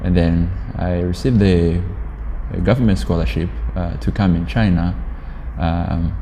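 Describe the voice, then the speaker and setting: A young man from Rwanda with a low, mellow voice answers interview questions in a halting way, pausing often to search for words. The recording has a long, hall-like reverb and a faint noise underneath. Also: fairly even intonation. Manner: halting, with frequent pauses and fillers. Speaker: university student interviewee.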